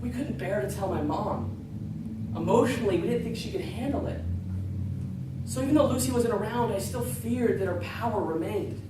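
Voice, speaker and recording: A man's voice: sits high, animated, normal speed. A man tells a folksy tall tale in a very echoey room, picked up from a distance. His delivery is comic and dramatic, acting out the dialogue as he goes, with faint noise behind him. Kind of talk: folksy tall tale told live on stage. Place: large echoey room, live before an audience.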